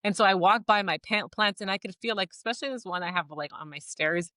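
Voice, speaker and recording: A woman co-hosting a casual podcast, telling stories in an animated way, laughing often and acting out lines. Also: medium pitch, quick pace, no echo, clean studio sound. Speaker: podcast co-host.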